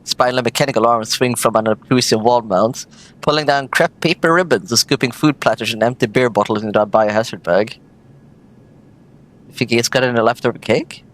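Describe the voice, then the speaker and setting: A man's voice: mid-range voice, brisk, fairly bright tone. Man joking while reading game text. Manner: joking, reads game narration aloud. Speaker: streamer playing a game.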